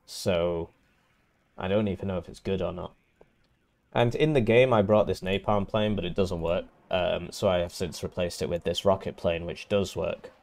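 Male game caster, deep voice with fry, stuffy nasal tone, relaxed wry walkthrough. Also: moderate pace. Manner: talks through options, casual and wry. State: congested from illness. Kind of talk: strategy game commentary. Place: at home.

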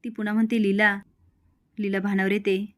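A woman narrates a recap of a TV serial episode. She moves along at a quick, steady clip and reads each character's lines in the same plain voice she uses for the story. Her pitch sits in the ordinary middle range for a woman.

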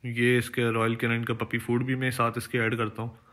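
A man's voice: medium pitch, monotone, a little fast, fairly bright tone. A young man narrating his day in a casual, matter-of-fact vlog voice-over. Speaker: vlogger.

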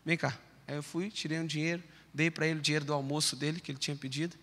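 A man's voice: a little high, fairly even intonation, very fast, pushed and bright. A young man preaching a sermon in a church, telling a story and repeating words for emphasis. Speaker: pastor. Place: church sanctuary. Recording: echoey church hall.

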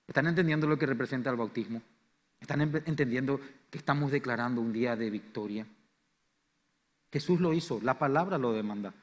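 A man with a Paraguayan Spanish accent preaching a sermon as pastor, swinging between loud, fervent declarations and quiet, low lines. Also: fairly quick. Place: church sanctuary. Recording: church hall reverb.

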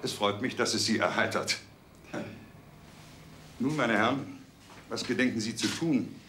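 An actor playing a senior police chief, speaking in a formal, gruff way. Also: male voice, fairly low pitch, unhurried, a bit bright, a little hiss or hum. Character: senior police chief, older man, stiff. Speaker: criminal director.

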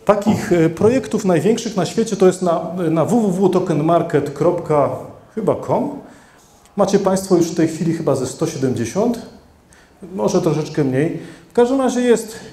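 A middle-aged man presenting at a conference, speaking into a handheld mic with plenty of fillers and self-corrections. His voice sits a little high but sounds mellow and dark. The hall gives it a roomy echo. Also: lively intonation, normal speed. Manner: hesitant, many fillers and restarts, addresses the audience. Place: conference hall with seated audience. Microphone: handheld microphone.

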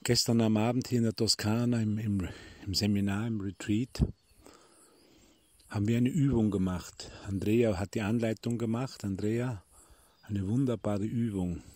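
A middle-aged man with a low, husky voice tells a spiritual story to his listeners in a soft, intimate way, now and then sinking to a near-whisper. The voice-message recording is dry and close, with no room sound. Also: steady tone, normal speed, dry recording. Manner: warm storytelling, addressing listeners as dear ones. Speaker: spiritual teacher. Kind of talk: spoken devotional talk. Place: retreat in Tuscany. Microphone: phone voice message.

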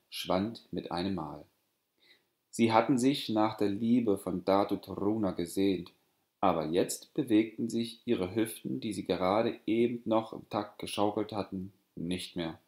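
A man narrating a fairy tale for an audiobook in a calm, even storytelling manner. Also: lowish voice. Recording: roomy echo.

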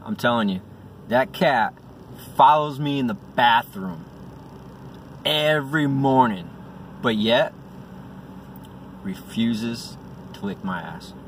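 With an animated, mid-range voice, a middle-aged amateur comedian speaks slowly and leaves long pauses, blunt and casual with profane asides. It's a vlog with stand-up bits filmed in a parked vehicle on a phone or camera at arm's length, so the mic is distant and there's faint noise.

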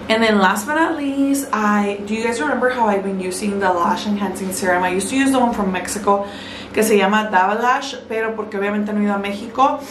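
A woman, chatting casually through a skincare routine and slipping into Spanish phrases now and then, filmed at close range in a small bathroom. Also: medium pitch. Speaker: vlogger. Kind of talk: casual skincare vlog chat. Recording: echoey room with background noise.

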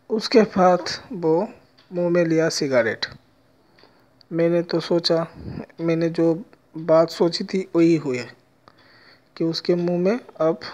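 A man telling a personal story with a moral in a slow, halting way, with many pauses. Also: on the high side, a little mellow. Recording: dull lo-fi recording.

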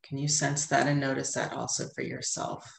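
A middle-aged woman calmly guiding a grounding meditation in a soothing, unhurried voice with long pauses, over a video call. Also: a bass voice, creaky. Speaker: meditation guide. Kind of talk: calm guided grounding meditation. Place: indoor room with plain wall, on a video call. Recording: roomy, echoey video call audio.

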